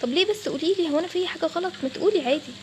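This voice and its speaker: A woman's voice: extremely high pitch, very fast, noisy background. A woman with an Egyptian Arabic accent voicing a nosy, persistent young man who keeps pestering a coworker, in a toy role-play story. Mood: pushy. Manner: pleading, persistent. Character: nosy pushy young man, manager's son.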